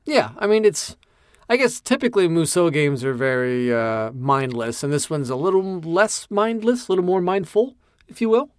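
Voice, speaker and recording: A man's voice: on the high side, sing-song, moderate pace, no room sound, studio quality. A man co-hosting a podcast with casual, rambling, joking banter. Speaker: podcast co-host.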